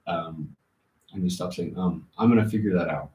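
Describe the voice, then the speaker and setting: Man, low voice, casual livestream host, halting informal delivery, roomy muffled audio, distant mic. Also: dark tone. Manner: informal, thinking aloud, halting. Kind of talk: casual livestream chat, answering viewer comments.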